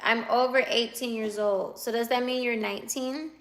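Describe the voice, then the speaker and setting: This is a woman in her twenties doing casual live chat, answering viewer comments aloud with teasing and laughter. Her voice sits a little high, and she keeps a steady tone at a normal speed.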